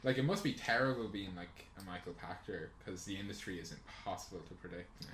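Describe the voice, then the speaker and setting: A man's voice: low voice, brisk, fairly bright tone. A man co-hosting a casual gaming podcast, making dry, matter-of-fact remarks. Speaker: podcast co-host. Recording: roomy with faint hiss.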